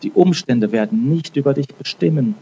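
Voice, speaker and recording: Man preaching casually, dark voice. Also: mid-range voice, animated, normal speed, lo-fi sound, a little hiss or hum. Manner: conversational, frequent "ne?" tags; repeats and restarts words. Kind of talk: informal sermon with prayer.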